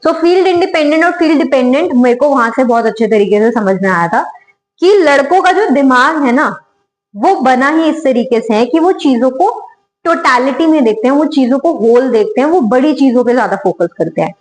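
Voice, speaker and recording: A woman's voice: sits high, expressive, brisk, reverberant, low-quality recording. A young woman, teaching an exam-oriented psychology lecture in a conversational way, mixing Hindi and English and speaking straight to her students.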